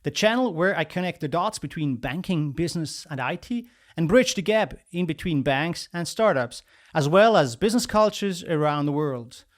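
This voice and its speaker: A middle-aged man hosting a podcast, reading a formal introduction and then asking questions in a slightly halting way. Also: fairly high pitch, animated. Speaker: podcast host and mentor.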